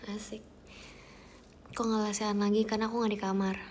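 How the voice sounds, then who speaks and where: A woman's voice: medium pitch, little pitch movement, brisk, slight background noise. Chatty young woman streaming live from home. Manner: chatty, thanking viewers, slipping into soft whispers. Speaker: idol livestream host. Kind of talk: casual livestream chat. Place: at home, outside her bedroom.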